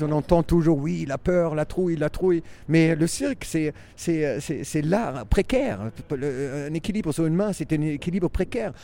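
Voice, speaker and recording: German-accented man, halting and reflective. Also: a little high, mellow. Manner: halting, many restarts, reflective. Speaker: circus performer and clown. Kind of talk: interview answers.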